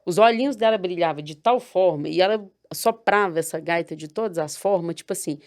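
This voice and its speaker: A woman in her thirties from Brazil, speaking in a somewhat low voice. She talks softly and reflectively and often restarts her sentences, as in a casual podcast chat. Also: fairly quick. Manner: soft, reflective storytelling with frequent restarts.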